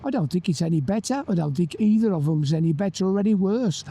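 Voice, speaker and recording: High-pitched British man on helmet intercom. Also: animated, fast, mellow, husky. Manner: chatty, colloquial British turns of phrase with tag questions. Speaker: motorcycle review vlogger and presenter. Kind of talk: casual running commentary while riding. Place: outdoors, riding a motorbike on roads. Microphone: microphone inside a motorbike helmet. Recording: helmet mic with engine and wind noise. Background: faint vehicle and wind noise.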